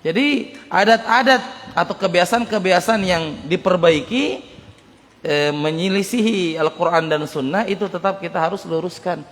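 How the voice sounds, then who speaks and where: Higher-pitched male teacher in an echoing hall. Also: normal speed, fairly bright tone. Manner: explanatory, repeats points, mimics harsh speech for examples. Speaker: religious teacher. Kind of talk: dawn study lecture explaining a book. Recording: long hall reverb.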